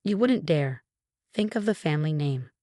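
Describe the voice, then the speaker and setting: A woman's voice: deep voice, lively intonation, moderate pace, warm tone, no echo, clean studio sound. A woman voicing a controlling, haughty middle-aged mother-in-law who hisses indignantly. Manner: hissing, indignant.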